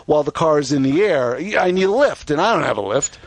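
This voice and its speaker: A man co-hosting a casual car talk radio show, telling stories in an animated way and laughing often. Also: on the high side, quick pace, gravelly.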